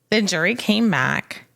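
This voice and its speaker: Here a trial attorney hosts her legal podcast in a mid-range voice that's a bit bright and carries vocal fry. Her storytelling stays loose and chatty, and she leans on repeated phrases to drive points home.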